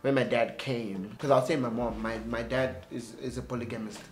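A man's voice: medium pitch, moderate pace, slight background noise. Chatty young man in a roomy studio. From Nigeria. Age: young adult. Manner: chatty and animated, laughs often. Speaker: interview guest, entrepreneur. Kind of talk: casual interview chat. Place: bright studio room with plain wall.

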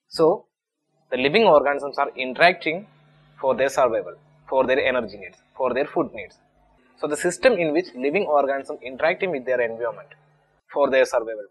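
A man's voice: medium pitch, husky, dull audio. A man with an Indian English accent teaching an exam-prep lesson, explaining patiently and restating each point step by step. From Kerala, India. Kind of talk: explanatory lecture.

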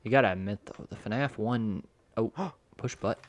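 A man co-hosting a let's play, excitably directing his friend's gameplay and laughing often. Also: lowish voice, moderate pace, no echo, clean studio sound. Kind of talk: casual gaming commentary.

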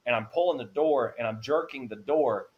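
On a podcast, a guest in his forties gives a heartfelt testimony about his faith, his voice lifting when emotion takes over. His pitch is medium, his pace moderate, and the sound is lo-fi.

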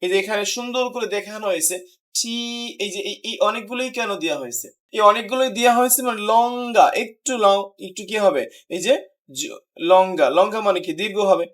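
High-voiced man teaching English pronunciation. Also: fairly bright tone. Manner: explains slowly, repeats example words for practice. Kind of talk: spoken English lesson.

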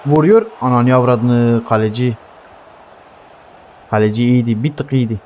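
A man's voice: mid-range voice, normal speed, slight background noise. Hot-headed swearing gamer man. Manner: heated, swears constantly, yells at teammates. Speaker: gaming streamer. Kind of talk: swearing live gameplay commentary.

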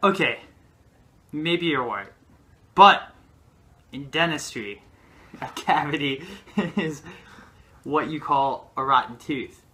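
Bright-voiced young man in a casual debate. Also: on the high side, slow pace, pauses often. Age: young adult. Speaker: video co-host. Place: small living room, indoors on a sofa. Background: music.

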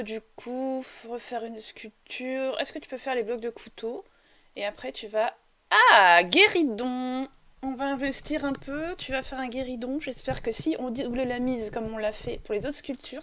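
A woman with a higher-pitched voice gives casual, chatty commentary at normal speed, talking to the game characters to coax them along. Now and then she sniffles.

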